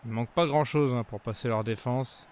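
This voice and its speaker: A man talks through his gameplay in a casual, conversational way. His voice sits at a medium pitch. He comments as he plays, with a grumbling, sarcastic edge to his asides. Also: a little fast, a little mellow, highs cut off, slight background noise. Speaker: gaming video creator.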